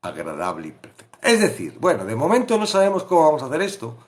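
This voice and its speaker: A man's voice: a little high, wildly swooping pitch, quick pace. A man with a Peninsular Spanish accent teaching a Bible study, talking conversationally and asking rhetorical questions. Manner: conversational, asks rhetorical questions, acts out pleading voices.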